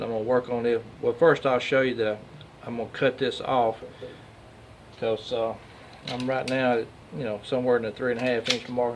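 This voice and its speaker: A man with a Southern US accent giving a casual, plain-spoken, hands-on workshop tutorial as a craftsman. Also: mid-range voice. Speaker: craftsman demonstrating duck call making. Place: workshop at a lathe. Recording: loud machinery and workshop noise.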